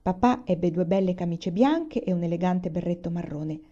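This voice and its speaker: A woman reading a novel aloud in an expressive storytelling manner. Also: fairly low pitch, moderate pace, dull audio. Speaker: reader. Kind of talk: audiobook reading.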